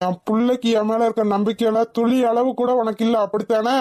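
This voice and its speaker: A woman's voice: on the high side, flat delivery, fast, dark tone, lightly acted. A woman voicing a scheming, boastful, wealthy middle-aged father in a cartoon. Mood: smug. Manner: boastful, dismissive. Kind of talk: animated cartoon voice acting.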